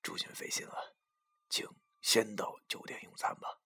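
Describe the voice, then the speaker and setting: A man doing a hushed, grieving older father. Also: normal speed, in a whisper, close to an everyday voice. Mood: weary. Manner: hushed, murmuring. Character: weary older grieving father, soft-spoken.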